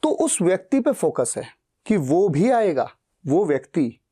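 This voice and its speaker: A man with a soft, mellow voice teaches spoken English, walking students through grammar with patient repetition. He poses questions and answers them himself, slowing right down over each example sentence. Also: sits high, big pitch swings, husky. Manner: patient, repeats examples, asks and answers his own questions; reads English example sentences slowly and deliberately. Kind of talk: explanatory grammar lesson.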